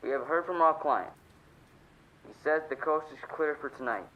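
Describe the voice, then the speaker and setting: An actor playing a cold, methodical crime boss in a suspense radio play, giving terse, businesslike orders. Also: male voice, on the high side, normal speed, slight background noise, close to an everyday voice. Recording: dull muffled telephone-line sound.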